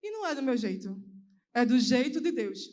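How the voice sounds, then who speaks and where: A young woman preaching at a youth service, giving an earnest, emotional personal testimony in a quick, anxious delivery. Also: high-pitched, sing-song, a little mellow. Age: young adult.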